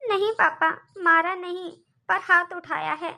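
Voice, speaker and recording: A sharp-tongued young wife complains and argues in this cartoon, as a woman voices her. Her voice is very high and piercingly bright, with a tense edge. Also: steady tone, measured pace, gravelly, heavily acted. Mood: complaining. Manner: complaining, argumentative. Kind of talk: cartoon voice acting.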